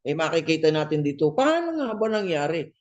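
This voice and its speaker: Male preacher with a Filipino accent, higher pitch, emphatic sermon delivery with frequent call-outs to listeners. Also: big pitch swings, brisk, lo-fi sound. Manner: emphatic, repeats key phrases, frequent "no?" and "po". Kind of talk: sermon mixing Tagalog and English.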